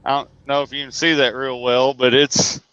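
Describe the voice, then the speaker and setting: A man's voice: medium pitch, level tone, moderate pace, a bit bright, clear, resonant tone, dry recording, dull audio. A man, a truck driver, telling stories as a guest in a casual, folksy, joking way. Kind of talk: casual conversation, storytelling.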